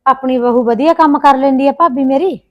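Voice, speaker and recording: A woman's voice: high voice, a little fast, lo-fi sound, lightly acted. An actress playing a married daughter who chats and complains about her mother-in-law, with a Punjabi accent. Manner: chatty and complaining. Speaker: actor. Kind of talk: village short-film acting.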